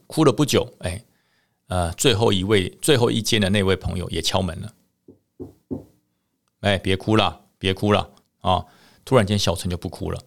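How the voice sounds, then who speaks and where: A man telling a story on a podcast, a former army officer, lively with many drawn-out fillers. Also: on the low side, gravelly.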